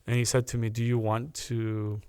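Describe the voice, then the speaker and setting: A man, a guest on a podcast, telling a personal story in a casual, animated way, often stopping to restart a phrase. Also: mid-range voice, normal speed, clear, resonant tone, no room sound, studio quality. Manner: animated anecdote teller with restarts.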